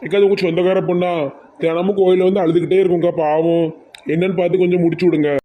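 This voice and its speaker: Male voice artist, Tirunelveli accent, monotone and weary, for a village cartoon. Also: high-pitched, quick pace, narrow, tinny audio. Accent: Tirunelveli Tamil. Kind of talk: animated village comedy dialogue.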